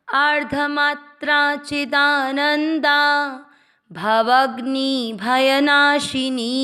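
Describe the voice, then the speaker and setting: A woman teaching Sanskrit pronunciation, patiently spelling out each syllable and then chanting the verse slowly. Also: on the high side, a bit bright. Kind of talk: slow syllable-by-syllable pronunciation lesson.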